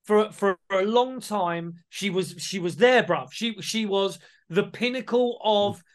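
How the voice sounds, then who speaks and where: A man's voice: sits high, unhurried. A man co-hosting a casual chat, talking in a hesitant, rambling way and swearing casually. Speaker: podcast co-host.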